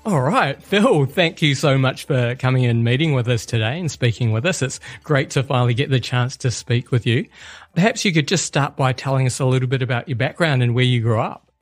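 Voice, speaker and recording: A podcast host with a slight cold speaks in a croaky, friendly voice. His pitch is mid-range and the recording is dry. Soft music plays quietly behind him. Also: fairly quick, dry recording. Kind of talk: podcast intro and interview.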